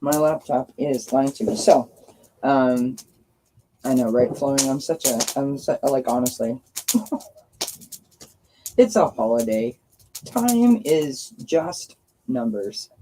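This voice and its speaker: A woman with a very deep, dark, scratchy voice speaks slowly and expressively, pausing often. Hosting a card-reading stream outdoors by a firepit, she reads oracle cards and chats warmly and casually with live viewers.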